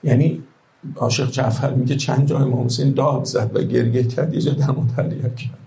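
A man preaching a religious sermon, impassioned and rhetorical, swinging between hushed lines and loud outbursts. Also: medium pitch, little pitch movement, echoey room, rough recording.

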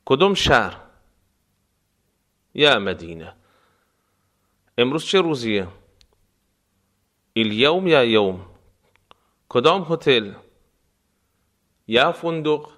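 Man teaching phrases by slow repetition. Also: medium pitch, sing-song, fairly bright tone. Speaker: language teacher. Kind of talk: spoken phrase lesson with repetition.

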